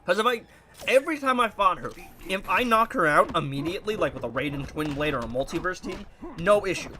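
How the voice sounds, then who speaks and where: A high, fairly quick voice with slight background noise belongs to a congested young gaming YouTuber. He casually comments on his own play, animated, puzzled and rambling.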